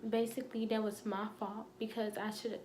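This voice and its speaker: A young woman telling a painful personal story, halting with many fillers and fighting back tears. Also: mid-range voice, level tone, darkish tone, slight background noise. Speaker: vlogger.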